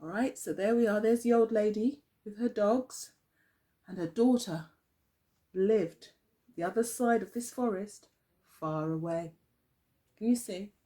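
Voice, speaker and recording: Storytelling for little ones, an early years teacher uses a mid-range, dark-toned voice at a measured pace with long pauses. She speaks expressively and with careful phrasing, putting questions to the children.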